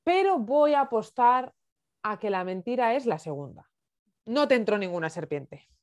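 Expressive woman host, dry close sound. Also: on the high side, moderate pace, no room sound. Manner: expressive, laughs, thinks aloud with fillers. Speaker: interviewer, host. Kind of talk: casual conversational interview.

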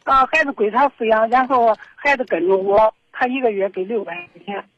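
Middle-aged woman, aggrieved, rambling, fast talker, dry lo-fi phone sound. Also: a little high, no echo. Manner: aggrieved, rambling with repeated restarts. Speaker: caller. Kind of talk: phone-in confession. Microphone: telephone. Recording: dull lo-fi phone line.

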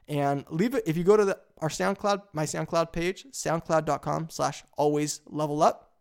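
A nineteen-year-old man hosting a solo podcast, rambling eagerly with sudden excited leaps in pitch. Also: moderate pace, vocal fry, clear, resonant tone. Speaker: podcast host.

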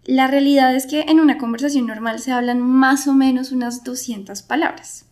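A woman, an English teacher, explaining a podcast lesson clearly and speaking straight to the listener. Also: high-pitched, steady tone, moderate pace, a little mellow.

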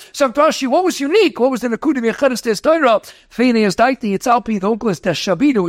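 A rabbi lecturing on Torah, talking quickly, mixing in Hebrew and Yiddish terms, asking rhetorical questions and telling stories. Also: male voice, extremely high pitch, dry recording, clean studio sound. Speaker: rabbi teaching a Torah class.

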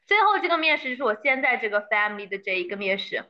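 A young woman, a guest in a casual interview, telling her story with animated energy and slipping English phrases into her speech. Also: on the high side, fast talker, lo-fi sound. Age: young adult.

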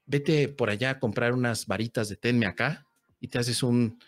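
A man's voice: mid-range voice, normal speed, dry recording, lightly acted. A man quoting a fussy, doting aunt. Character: doting older aunt offering home flu remedies.

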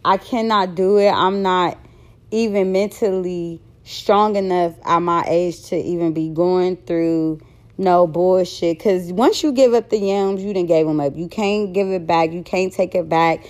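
A woman's voice: lowish voice, unhurried, a little mellow. Candid woman podcaster in her thirties. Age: 30s. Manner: candid and blunt, stumbling over words. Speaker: podcast host. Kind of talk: casual solo podcast monologue.

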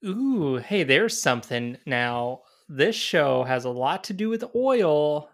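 A man's voice: on the high side, very animated, slow. A man co-hosting a podcast, chatting casually in a wry, rambling way and often correcting himself mid-sentence. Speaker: podcast co-host. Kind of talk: casual chat.

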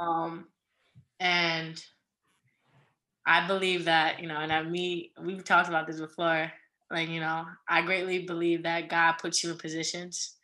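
A woman's voice: on the low side, flat delivery, a little slow, sharp tone, poor audio. A woman, co-hosting a podcast and giving earnest, rambling, motivational talk. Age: 20s. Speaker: podcast co-host. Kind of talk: casual chat.

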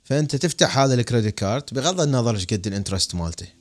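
Fast-talking Iraqi man, animated. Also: mid-range voice. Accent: Iraqi Arabic. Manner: animated, jokey, rising to emphatic bursts. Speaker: podcast host giving money advice. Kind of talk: casual podcast chat.

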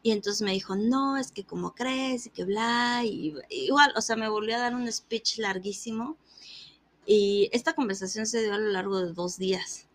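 A woman's voice: mid-range voice, normal speed. A woman, telling a funny story in casual chat and acting out the other person's lines, laughing often. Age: 30s. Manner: animated, acts out quoted dialogue, laughs often.

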